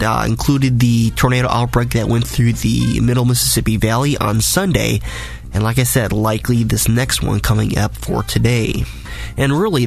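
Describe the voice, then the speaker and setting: A meteorologist with a mid-range voice, raspy from a cold, hosts a weather podcast. He walks through the forecast in a conversational, detailed way.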